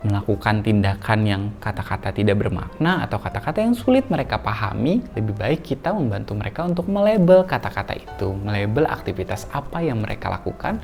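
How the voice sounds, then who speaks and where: A man working as a child therapist, calmly explaining home exercises to parents in an instructional talk. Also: on the low side, creaky, soft background music. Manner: calm, explanatory, with slow singsong demonstrations.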